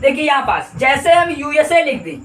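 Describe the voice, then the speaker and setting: A man's voice: very high voice, big pitch swings, normal speed, a bit bright, a little hiss or hum. A male grammar teacher explaining a lesson, repeating points and quizzing listeners with constant questions. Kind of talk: classroom explanation. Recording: echoey room, distant mic.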